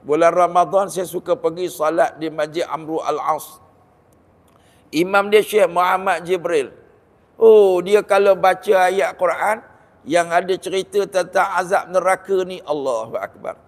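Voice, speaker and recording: Malaysian ustaz, high voice, jokey sermon, big echoey hall. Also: male voice, measured pace. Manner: lively storytelling with jokes and rhetorical questions. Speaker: religious teacher giving a Ramadan talk. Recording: long hall reverb.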